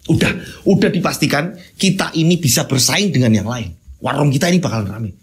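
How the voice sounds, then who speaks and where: A man's voice: medium pitch, animated, brisk, voice pushed down, close to an everyday voice. A man playing an earnest young husband.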